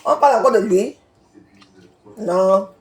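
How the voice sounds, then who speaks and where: A woman from Cameroon who comments on social media speaks slowly in a mid-range voice during a heated live-video rant. She names the people she's confronting and repeats herself as she goes, and there's a roomy echo in the recording.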